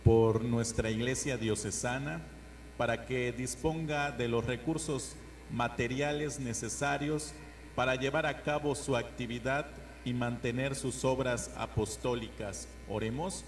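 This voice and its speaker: A man reads liturgical petitions in a formal manner, his middle-pitched voice ringing with church echo. A clear hum sits behind him on the recording. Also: steady tone, unhurried. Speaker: lector reading the prayers of the faithful. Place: large indoor church with echo.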